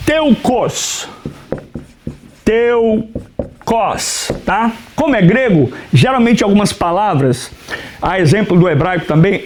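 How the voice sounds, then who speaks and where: Man, pastor giving a Bible lesson, high voice, very lively pitch, tells students to write things down, sometimes drifts off the mic. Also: slight background noise. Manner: animated teacher who asks questions and answers them himself. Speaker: pastor teaching a Bible class. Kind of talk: classroom lecture on the Old Testament.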